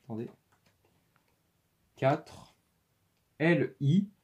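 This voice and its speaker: A man's voice: on the high side, expressive, very slow, a little mellow, husky. A man hosting a casual unboxing vlog, thinking aloud and counting hesitantly. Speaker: toy-unboxing YouTuber.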